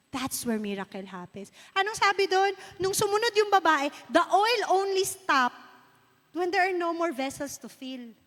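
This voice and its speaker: The long reverb of a church sanctuary surrounds a woman pastor in her thirties from the Philippines as she gives a storytelling sermon in a mix of Filipino and English. She has a Filipino accent and a high-pitched, slightly bright voice.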